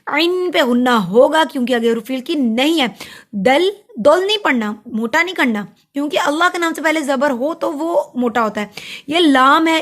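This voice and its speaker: Woman, high voice, patient tajweed teacher, stretched-out words. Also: fairly bright tone. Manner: explains letter by letter, then drawls the verse words slowly. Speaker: Quran recitation teacher. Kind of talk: tajweed lesson with recitation.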